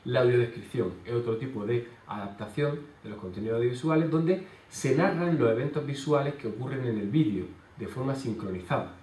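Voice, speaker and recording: Male lecturer, halting explanatory delivery, distant mic in a reverberant hall, faint background noise. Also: mid-range voice, a little mellow. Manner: explanatory, many hesitation fillers. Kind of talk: conference talk. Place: conference hall. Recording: roomy hall sound from far off.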